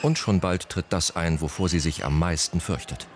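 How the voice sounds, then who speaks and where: Deep-voiced man narrating a news report. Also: moderate pace, background noise. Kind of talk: scripted documentary voice-over.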